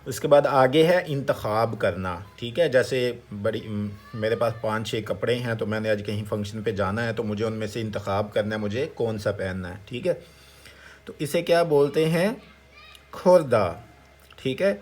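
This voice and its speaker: A man teaching a language lesson. He breaks words into syllables slowly and keeps asking viewers what each one becomes. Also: lowish voice, a little mellow. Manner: slow, repetitive syllable-by-syllable drilling with questions to viewers. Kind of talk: Korean vocabulary lesson in Urdu.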